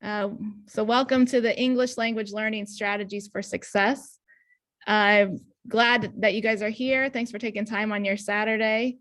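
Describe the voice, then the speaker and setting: An ENL teacher from Indiana, USA, a woman in her thirties, gives a conference talk over a video call through her webcam. Her voice is medium in pitch and fairly bright, with fairly even intonation and normal speed. She comes across as earnest, often saying "um" and restarting sentences.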